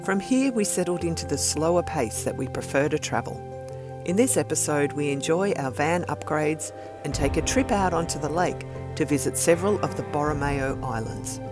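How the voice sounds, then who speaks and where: A man giving a steady, scripted travel voice-over in an informative tour-guide manner. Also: on the high side, normal speed. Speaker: vlog narrator. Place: voice-over recording. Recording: voice over music bed. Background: clear background music.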